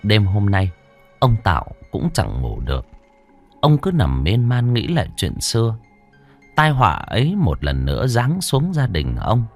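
A man tells a ghost story in a low, husky voice. His delivery swoops dramatically up and down, and soft music plays under the narration. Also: huge pitch swings, unhurried.

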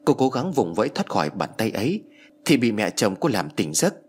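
A man narrating a ghost story in a dramatic, measured manner. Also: lowish voice, very animated, darkish tone, breathy edge. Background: background music.

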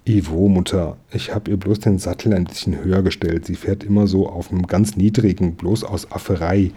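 A man's voice: low voice, steady tone, moderate pace, warm tone, breathy edge. A man doing an eager, stubborn young boy. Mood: insistent. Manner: eager and insistent.

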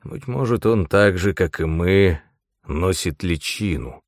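A man voicing a gruff, sarcastic male demon mentor in an audiobook, brusque and commanding. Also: low-pitched, expressive, slow, no echo, studio quality. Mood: sly. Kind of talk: audiobook character voice.

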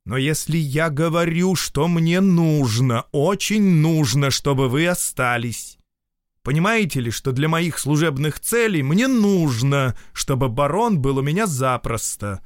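A grumbling, domineering official husband, as a man reading the story puts him on. He lectures in a peevish, insistent tone. His voice is mid-pitched, and the reading sounds dry and close. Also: very animated, moderate pace, darkish tone, no echo, close to an everyday voice. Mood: peevish, lecturing.

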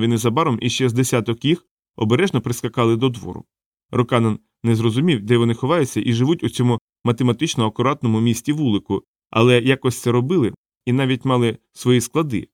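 A man reads a novel aloud in an even, steady storytelling manner. His voice sits in a middle register. The recording is dry, with no room sound. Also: mid-range voice, dry recording. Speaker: audiobook narrator. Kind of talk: scripted narration.

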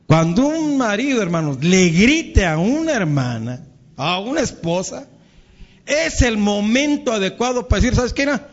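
A man's voice: high voice, sing-song, measured pace, muffled recording. A male pastor with a Mexican Spanish accent preaching to his congregation, calling them brothers and acting out quarrels between spouses. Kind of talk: sermon.

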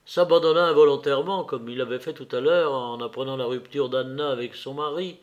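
A man narrates a classic novel slowly and deliberately, pausing with small hesitations. His voice sits a little high for a man. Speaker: audiobook reader. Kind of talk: audiobook narration.

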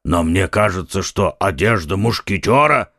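A man doing a gravelly, mocking musketeer. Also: sits low, lively intonation, normal speed, no echo, clean studio sound, full character voice. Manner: teasing, loud-mouthed. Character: mocking, boastful young male musketeer. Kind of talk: audiobook character reading.

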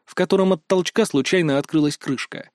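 A male narrator reads a first-person adventure in a tense, expressive way. His voice sits slightly high. The recording is close and dry. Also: brisk, no room sound. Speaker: audiobook narrator.

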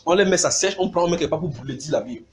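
A man preaching a sermon, animated, mimicking sounds and calling out to his congregation. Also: fairly high pitch, fast talker.

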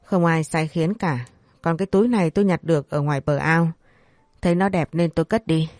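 Old nursemaid , done by a woman reader: cursing servant woman, low dark voice. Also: fairly quick, dry recording, clean studio sound, close to an everyday voice. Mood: tearful pleading. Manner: shrill cursing scold, then pleading. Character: old female servant nursemaid, scheming then tearful.

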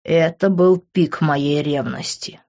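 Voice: mid-range voice, fairly even intonation, slow, a little mellow, lo-fi sound. A reader narrating a novel in the first person, with heated, emotional delivery.

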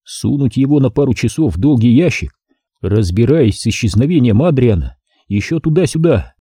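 A man's voice: mid-range voice, lively intonation, moderate pace, mellow, husky, dry recording. A man reading a first-person audiobook in an intense, brooding way, recorded close and dry. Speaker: audiobook narrator. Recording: dry close-miked studio sound.

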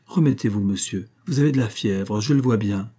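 A man lifting his voice into a serene young woman from a storybook, brief, composed and gently affectionate. Underneath, the voice stays mellow and softly husky. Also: lowish voice, moderate pace. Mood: calm.

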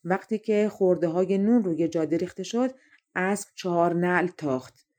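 A woman narrating fairy tales for an audiobook in a steady, expressive storytelling manner. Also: lowish voice. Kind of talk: scripted fairy-tale narration.

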